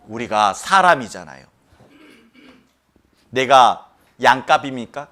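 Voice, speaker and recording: Emphatic male pastor preaching with lively pitch. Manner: keeps questioning the congregation, emphatic. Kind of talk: sermon.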